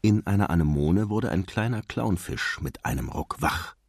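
A man narrating a children's storybook in an expressive, storytelling manner. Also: deep voice, moderate pace, no echo. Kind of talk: storybook reading. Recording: dry close sound.

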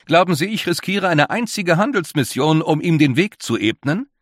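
A man's voice: fairly high pitch, expressive, moderate pace, no echo, voice pushed up. A grave, worried older leader, as a male reader puts him on, who presses his points in an earnest, emphatic way. The voice is dry and close, like a storybook read aloud.

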